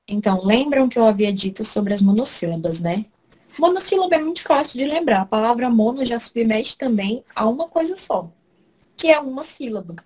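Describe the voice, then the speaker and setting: A woman's voice: a little high, expressive, brisk, a little mellow. Woman teaching an online class. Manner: explains step by step, checks in often with "né?" and "ok?". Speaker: Portuguese teacher.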